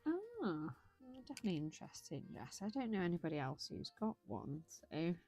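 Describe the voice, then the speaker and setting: A woman's voice: lowish voice, wildly swooping pitch, normal speed, a little mellow, soft background music. A tired, yawning British woman hosting a colouring livestream, rambling chattily and correcting herself as she goes. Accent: British English. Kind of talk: casual chat while colouring.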